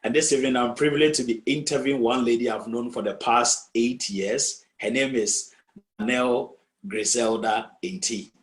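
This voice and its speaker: A man hosts an interview show, greeting his guest warmly and heaping praise on her answers. His voice sits at an ordinary middle pitch. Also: steady tone, moderate pace. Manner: effusive, heaps praise on the guest. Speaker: show host. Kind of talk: interview hosting.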